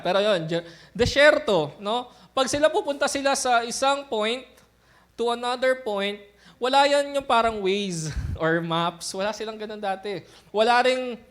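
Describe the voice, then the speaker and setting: A man's voice: high-pitched, fairly bright tone. A man preaching a sermon as pastor in an easygoing, conversational way, often checking in with the congregation through little tag questions.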